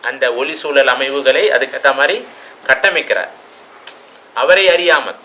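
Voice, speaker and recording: A man lectures in a reflective way, tossing out rhetorical questions and now and then landing hard on a word. His voice is bright and forward. A faint ambient hum sits behind him. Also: mid-range voice, measured pace, rough recording. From Tamil Nadu. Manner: reflective, with rhetorical questions and sudden loud stresses. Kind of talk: classroom lecture.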